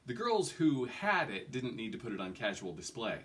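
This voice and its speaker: In a small room at home, a man in his forties gives an expressive, audiobook-style reading of a fantasy novel, stumbling slightly now and then. His medium-pitched voice is very animated and fairly bright, moving at a normal speed with theatrical storytelling flair.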